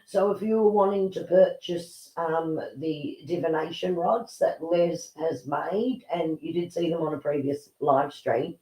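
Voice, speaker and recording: A woman's voice: deep voice, measured pace, few pauses, mellow. A woman co-hosting a livestream over a video call, reading out viewers' messages and adding encouraging advice. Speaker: livestream co-host. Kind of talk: casual livestream chat. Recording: echoey room.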